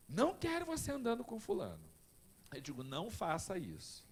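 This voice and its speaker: A man lecturing at a spiritist family course, telling personal stories and speaking straight to the audience in a conversational way. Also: high-pitched. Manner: lively, conversational, addresses the audience directly.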